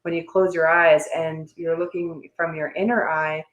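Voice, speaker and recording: A woman host with a low voice chats casually. She affirms what she hears warmly, and her voice carries a roomy echo. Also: little pitch movement, moderate pace, muffled recording. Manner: warm, affirming. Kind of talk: casual chat.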